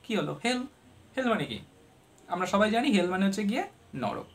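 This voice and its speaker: In an online pronunciation lesson, a teacher with a very animated, mid-range voice explains things step by step at a fairly quick pace. The teacher asks frequent questions, switches often between Bengali and English, and playfully gives vowels human traits in little asides.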